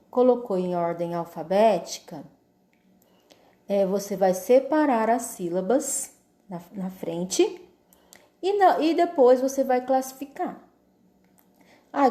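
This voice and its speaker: Slow, patient Brazilian woman teacher. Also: on the high side, dark tone, roomy sound. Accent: Brazilian Portuguese. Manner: patient, explaining step by step with frequent "tá?" checks. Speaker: schoolteacher. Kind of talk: remote class lesson.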